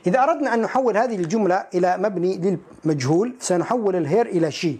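A man teaching an English grammar lesson. He reads each English example slowly and translates it, then raises students' likely questions and answers them himself. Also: sits high, lively intonation, a little mellow.

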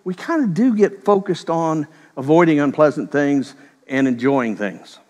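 A middle-aged man preaching a sermon, telling stories in a conversational way and slipping into quick voiced quotes. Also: a little high, lively intonation, darkish tone, long reverb tail. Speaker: pastor.

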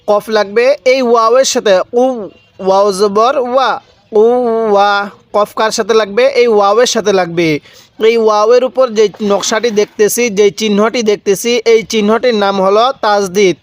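A man's voice: high voice, no echo. A man teaching Quran reading, patiently spelling out each syllable, repeating it and asking his learners questions.

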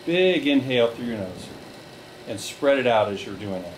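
Calm man guiding slow breathing. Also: mid-range voice, background noise. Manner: slow, calm step-by-step directions with fillers. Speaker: relaxation group leader. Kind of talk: guided breathing instruction.

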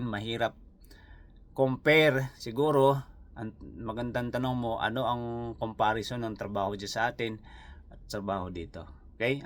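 A Filipino vlogger with a Visayan accent, based in New Zealand, rambles chattily through viewer comments, packing his talk with fillers and asides. His voice sits on the low side with a slightly bright quality. A little hiss or hum is audible.

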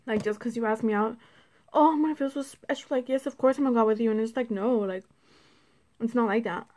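A woman's voice: on the high side, steady tone, quick pace, a little mellow. A woman in her twenties chatting casually to her phone while eating, chewing between rambling, filler-heavy phrases. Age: 20s. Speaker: vlogger. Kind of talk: casual mukbang chat to camera. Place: small indoor room at home. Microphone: phone at arm's length on table. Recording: phone recording with background noise and clicks.

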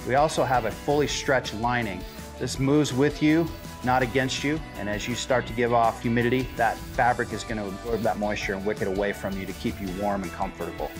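A man's voice: fairly quick, music in the background. Middle-aged salesman walking through jacket features. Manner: friendly, steady sales pitch. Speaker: ski shop salesman. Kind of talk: product demonstration.

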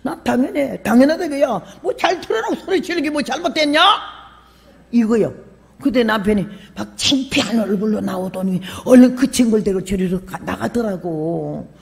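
An older woman missionary giving a sermon, telling folksy stories with humor and bursting into loud emphatic calls. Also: on the high side, expressive, moderate pace, gravelly. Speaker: missionary preacher. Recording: long hall reverb.

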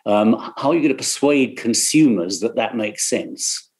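A man moderates a panel discussion over video call. His voice is mid-range in pitch. He puts his questions in a measured, courteous way. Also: expressive, darkish tone.

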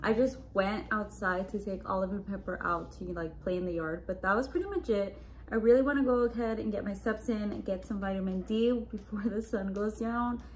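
Speaking briskly in a mid-range voice, this young woman in her twenties vlogs casually at home, moving between living room and bedroom. She's upbeat and leans heavily on "like" and "just."

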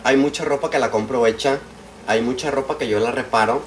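Mexican guy livestreaming from his kitchen, slangy and affectionate, mid-pitched voice, pans clattering and frying behind him. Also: a little fast, a little hiss or hum. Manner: chatty and affectionate, greets viewers by name, slangy. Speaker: live streamer. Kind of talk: casual cooking livestream chat. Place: home kitchen at night. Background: frying, pots and dishes clattering.

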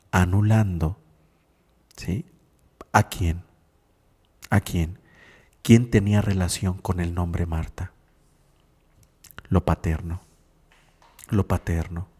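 A man's voice: deep voice, steady tone, slow, pauses often, warm tone, slightly rough, big-room sound. A male radio host and psychologist, giving reflective spiritual talk and often checking in with his listeners. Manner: reflective, keeps asking "sí?".

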